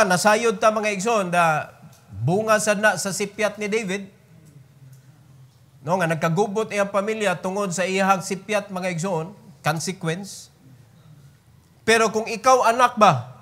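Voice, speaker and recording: A Cebuano-accented man preaches at a prayer meeting. His voice sits high and carries an emphatic pulpit push. He keeps turning to the room with a questioning amen. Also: a little slow, long pauses, sharp tone. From Philippines. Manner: emphatic, often calls out "brethren" and asks "Amen?".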